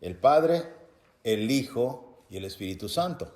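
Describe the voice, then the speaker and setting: A man preaching a Bible-teaching sermon, reading verses aloud and explaining them to his listeners as brothers, with loud emphatic bursts between quieter explanation. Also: mid-range voice, lively intonation, a little slow. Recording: echoey room.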